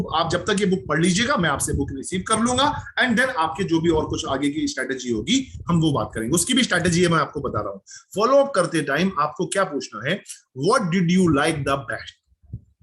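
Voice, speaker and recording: A man's voice: on the high side, fairly bright tone, a little hiss or hum, rough recording. A man giving a sales training presentation, coaching listeners, mixing in English phrases and often checking in with "right?".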